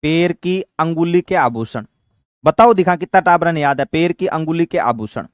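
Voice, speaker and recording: Male teacher, slightly high voice, dry close sound, friendly drilling delivery. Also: animated, moderate pace, smooth, dry recording. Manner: chatty, affectionate, drills terms by repetition. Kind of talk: online exam-prep lecture.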